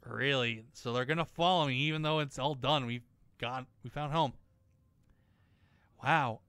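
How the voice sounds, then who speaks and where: A man rambles through relaxed let's-play commentary, joking and swearing as he goes. His voice is bright and crisp, recorded close and dry with no room sound. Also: mid-range voice, unhurried, no room sound. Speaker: gaming video host.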